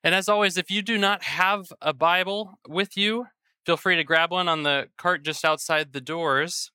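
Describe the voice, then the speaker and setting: A pastor preaching a sermon at a pulpit microphone in a church, reading scripture and praying in a measured, earnest way. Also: medium pitch, fairly even intonation, pushed and bright, clear, resonant tone, no room sound, clean studio sound. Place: church sanctuary.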